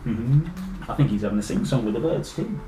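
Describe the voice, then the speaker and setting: A British man reads a picture book aloud to children, full of enthusiasm and expression, talking directly to his young audience. His medium-pitched voice runs a little fast, in an echoey room with faint background noise.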